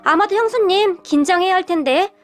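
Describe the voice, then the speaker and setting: A woman voicing a grown son who fusses and gets excited about his mother. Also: extremely high pitch, brisk, faint music behind, voice pushed up. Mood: knowing. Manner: excitable, fussing.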